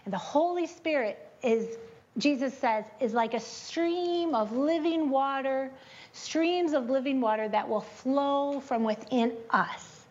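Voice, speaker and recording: A woman giving a chatty, animated devotional teaching, breaking into spoken prayers to God. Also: takes it slowly. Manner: chatty and animated, prays aloud with rising pitch. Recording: dull lo-fi recording.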